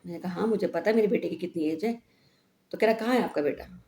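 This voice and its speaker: A middle-aged woman vlogger from India, telling a story in a chatty, animated way and often asking "हैं?". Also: mid-range voice, fast. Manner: chatty, animated retelling with frequent "हैं?" tags. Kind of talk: casual vlog storytelling. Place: home room. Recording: echoey room with faint background noise.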